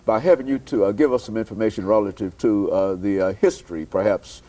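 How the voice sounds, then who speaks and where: A man hosting a television interview, speaking slowly with many hesitant fillers. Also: lowish voice, dark tone. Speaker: host.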